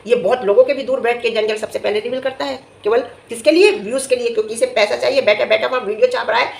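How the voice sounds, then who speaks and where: A middle-aged woman giving casual vlog commentary, emphatic and scolding, her voice jumping high when she gets indignant. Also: steady tone, fast, gravelly. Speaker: vlogger reviewing family vlogs. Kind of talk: casual talking-head commentary.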